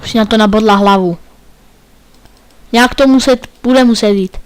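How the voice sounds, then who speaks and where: A man's voice: sits high, noisy background. A man giving playful, joking commentary while playing a video game. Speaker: let's play gamer.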